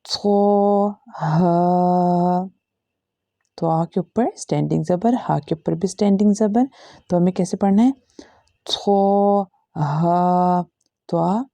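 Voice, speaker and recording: A woman teacher with an Urdu-Hindi accent walks through a recitation lesson letter by letter, stretching each sound patiently. Her voice is dark and mellow with a gravelly edge. The recording is dry and close. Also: on the low side, dry recording. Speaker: Quran reading teacher. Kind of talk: slow step-by-step recitation lesson.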